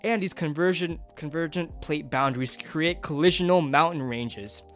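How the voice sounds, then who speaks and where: A man's voice: a little high, normal speed, fairly bright tone, faint music behind. A young man vlogging a mountain hike, enthusiastically explaining geology and nature outdoors. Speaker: travel vlogger. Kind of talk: educational hiking vlog.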